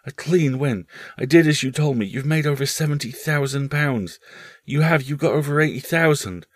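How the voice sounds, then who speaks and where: A man's voice: a little high, moderate pace, no room sound, clean studio sound, pitched above the performer's own voice, lightly acted. A man voicing a sly, shortish gardener who speaks in an urgent whisper in a read-aloud story.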